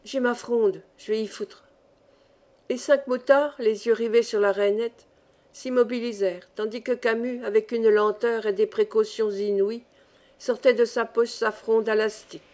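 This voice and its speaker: A woman narrating a village story as an audiobook reader, with lively storytelling. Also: fairly high pitch, moderate pace. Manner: lively storytelling, varied pace. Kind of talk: scripted narration.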